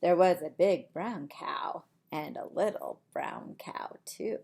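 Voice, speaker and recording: Reading a picture book for young kids in a small home room, a middle-aged woman sounds like a preschool teacher. Her voice sits on the low side and is mellow, with a creaky edge to its slow, sing-song pace, and she adds simple side comments and counting questions along the way.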